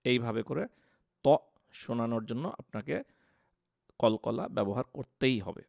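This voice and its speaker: Gravelly-voiced man teaching Quran pronunciation. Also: mid-range voice, lively intonation, darkish tone, dry recording, clean studio sound. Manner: slow, drawn-out demonstrations of Arabic letters; patient, explanatory. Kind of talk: tajweed lesson.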